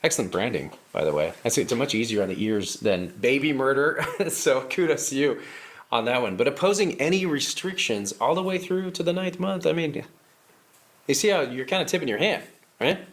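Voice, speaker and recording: A man's voice: mid-range voice, animated, moderate pace. A man acting in a satirical comedy sketch, talking in a mock-earnest, sarcastic way and sometimes breaking into laughter.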